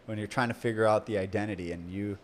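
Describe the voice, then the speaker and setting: Male podcast host, slightly low voice, faint background noise; casual, enthusiastic, chatty. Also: steady tone, fast. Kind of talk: casual conversational interview.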